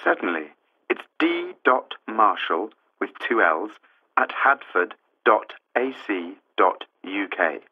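A man speaking politely and clearly over a landline phone. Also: on the low side, very animated, full character voice. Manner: polite, measured, clearly spelled out. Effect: heard over a landline phone. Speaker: actor in course-book phone dialogues. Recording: tinny narrow phone line.

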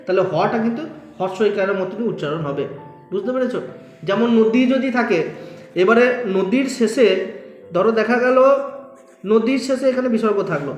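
A man with a West Bengal accent teaching a lesson, patiently repeating words and checking that his students follow. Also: high-pitched. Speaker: Sanskrit teacher. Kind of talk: classroom-style lesson explanation. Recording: roomy echo.

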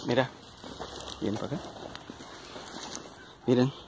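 Un hombre con acento mexicano que narra con tono de charla su búsqueda con detector de metales en un campo, hablándole a sus seguidores como amigos. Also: male voice, medium pitch, takes it slowly, vocal fry, background noise. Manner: chatty, addresses viewers as friends. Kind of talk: casual outdoor vlog narration. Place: outdoors in a plowed field.

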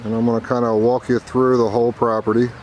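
Walking through the bare, under-renovation rooms of a property, a male agent talks casually while showing it off. He speaks fast in a mid-range, darkish voice with flat delivery, captured in an echoey empty house with audible background noise.

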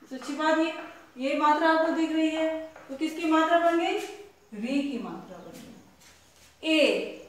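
A woman's voice: high voice, a little slow, long pauses, very echoey. A woman teaching young children, asking each question and then answering it herself. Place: classroom.

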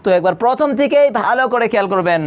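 A Quran teacher works through a tajweed lesson, spelling out each letter and vowel mark before reciting the verse in long, drawn-out tones. The voice sits at a middle pitch and sounds smooth and clear. The teacher keeps asking the listeners questions and then answering them. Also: lively intonation.

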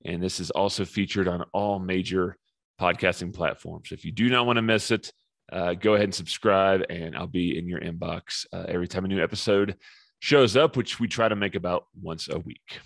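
A man hosting a podcast, reading a brisk, upbeat intro and asking his guest questions. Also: low-pitched, vocal fry, a bit bright, no room sound, studio quality. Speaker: podcast host. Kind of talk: scripted intro and interview questions.

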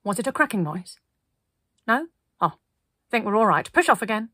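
A woman voicing a bossy, officious woman who leads a group, giving flat, businesslike commands loudly and slowly. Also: mid-range voice, husky, no room sound, clean studio sound. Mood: anxious.

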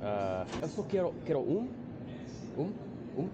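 A young man, a native English speaker, chatting haltingly in English-accented Portuguese and repeating words as he practises. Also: on the high side, very animated. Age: young adult. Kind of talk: casual chat, practising a new language. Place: small cafe, indoors. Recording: very noisy on-location camera audio. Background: cafe ambience noise.

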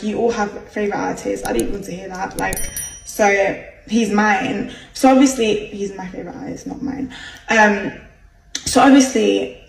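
A young woman in her twenties telling her side of a story to her phone camera in a bright room, talking casually and in exasperation with lots of fillers. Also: mid-range voice, creaky. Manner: chatty, exasperated, many "like" fillers. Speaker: vlogger. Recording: echoey room, slightly distant, faint hiss.

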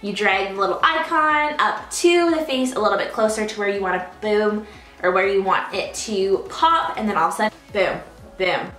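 A woman's voice: medium pitch, moderate pace, a bit bright, faint music behind. Bubbly young woman in an echoey room. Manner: bubbly, chatty, repeats "super simple", many ums. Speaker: YouTuber. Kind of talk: casual how-to chat to camera.

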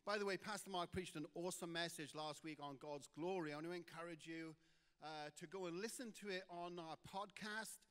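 A man's voice: on the high side, brisk, fairly bright tone, clear, resonant tone, long reverb tail. A man with a Welsh accent preaching a Sunday sermon as pastor, chatty and informal, with many fillers and restarts. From Wales. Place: church auditorium.

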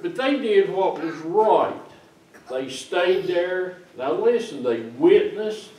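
Seated in a small church among children, an older pastor offers a folksy, teasing sermon in a high-pitched, slightly mellow voice. His delivery is slow, his intonation lively, and there's a bit of background noise. It was recorded by a faraway camera mic, giving a roomy, distant church sound.

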